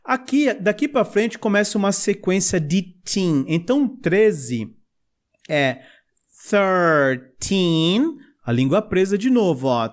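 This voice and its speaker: A Brazilian man teaching in a video lesson, with a Brazilian Portuguese accent. His voice sits high for a man, and he takes his time, explaining each point step by step. He asks the viewers to repeat after him. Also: very animated, unhurried, darkish tone. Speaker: English teacher.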